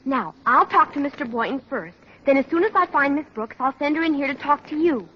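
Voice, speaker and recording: An actress playing a bossy, scheming teenage daughter with insistent, precocious delivery in a 1940s radio sitcom. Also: female voice, high-pitched, lively intonation, brisk. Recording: muffled old radio broadcast, faint hiss.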